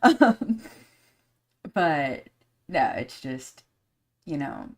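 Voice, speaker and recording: A woman with a low, deep-set voice talks casually on her podcast live stream. She is candid and blunt, swears freely, and rambles with many fillers between her thoughts. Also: huge pitch swings, very slow, gravelly, darkish tone. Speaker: podcast host.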